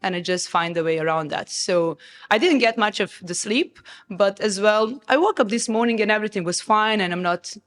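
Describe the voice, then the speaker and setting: A woman from Serbia with a Serbian accent, speaking as an interview guest in a calm, thoughtful way, pausing often with ums. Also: medium pitch. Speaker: guest, restaurant founder. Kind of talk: reflective interview conversation. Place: restaurant bistro. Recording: roomy reverb in a bistro.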